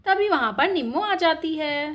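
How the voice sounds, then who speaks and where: A woman's voice: very high voice, expressive, moderate pace, fairly bright tone. A woman narrating a doll story, addressing her viewers in a friendly way.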